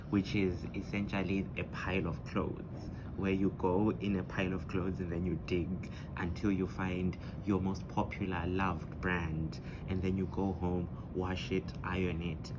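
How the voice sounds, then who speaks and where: A man from Zimbabwe talks in a very deep voice, earnest and explanatory, with fillers and restarts. His speech sits over loud background noise. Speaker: guest. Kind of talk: casual conversational talk.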